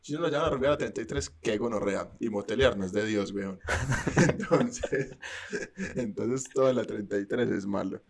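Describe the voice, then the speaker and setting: A man's voice: fairly low pitch, moderate pace, gravelly. A young man rambles through a story in casual chat. His talk is joking and packed with street slang.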